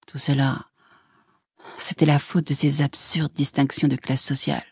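A woman narrating a literary audiobook in an even, measured voice. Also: low voice, slightly rough, dry recording, clean studio sound.

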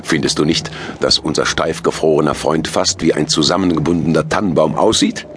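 A man's voice: rumbling low, fairly even intonation, fairly quick, fairly bright tone, slight background noise. A man doing a fat, hearty Santa Claus. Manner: hearty, grumbling, commanding.

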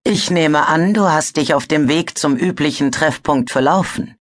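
A woman's voice: deep voice, moderate pace. Woman doing a dry sardonic male sea dragon.

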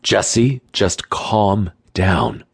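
A man doing a deep, commanding wounded cop. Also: normal speed, slightly rough, no echo, clean studio sound. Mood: controlled. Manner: low, clipped orders through clenched teeth. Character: tough male undercover cop, wounded but commanding.

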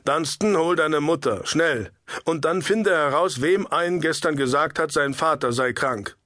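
A man's voice: fairly high pitch, unhurried, fairly bright tone, no room sound, studio quality, voice pushed up. A man doing a stern noble father. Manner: curt and firm.

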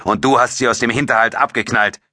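A man's voice: mid-range voice, steady tone, fast talker, bright, forceful tone, dry recording, studio quality, voice pushed up. A male narrator voicing a grim, angry male soldier who speaks in curt accusations in an audiobook.

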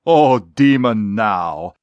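A man voicing a stern, confident male exorcist in an audiobook, delivering forceful, insistent commands. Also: on the low side, expressive, drawn-out words, no room sound, lo-fi sound. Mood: commanding. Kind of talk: audiobook character voice.

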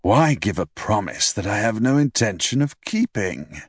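A man voicing a frail, wry old retired doctor with a raspy voice and dry, unhurried replies. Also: lowish voice, big pitch swings, no room sound, voice pushed up.

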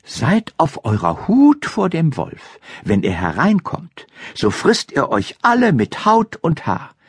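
A man's voice: on the high side, huge pitch swings, slow pace, breathy edge, no echo, studio quality, pitched above the performer's own voice, exaggerated voice. A man voicing a loving old mother goat in a fairy-tale audiobook, warning her kids in an earnest way.

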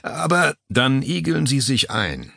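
A male narrator voicing a calm, firm male caller who speaks in a deep, measured tone in an audiobook thriller. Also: gravelly, dry recording, studio quality, exaggerated voice. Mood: commanding.

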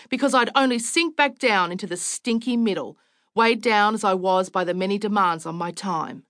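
A middle-aged Australian woman reads her own memoir in a wry, self-deprecating tone. Her voice sits a little high for a woman. The studio sound is dry and close, with no room echo. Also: a bit bright. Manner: wry, self-mocking storytelling. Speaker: author narrating her own audiobook. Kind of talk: audiobook memoir narration. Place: recording studio.

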